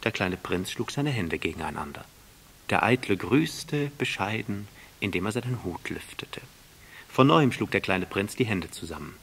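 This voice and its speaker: A man narrating an audiobook in a calm, even storytelling manner. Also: on the low side, moderate pace, gravelly, slightly rough. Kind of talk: audiobook reading.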